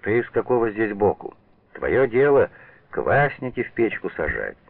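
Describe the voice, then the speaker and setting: A man's voice: on the low side, sing-song, moderate pace, vocal fry, no room sound, heavily acted. A man voicing a tipsy, mocking red-bearded peasant who sneers through clenched teeth, on a tinny old radio broadcast.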